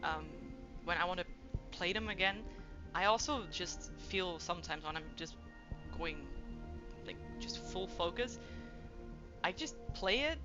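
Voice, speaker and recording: A woman streamer hosting a live interview, gushing and excitable with lots of fillers. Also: on the low side, measured pace, pauses often, muffled recording. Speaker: streamer, host. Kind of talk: livestream interview chat. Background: game music.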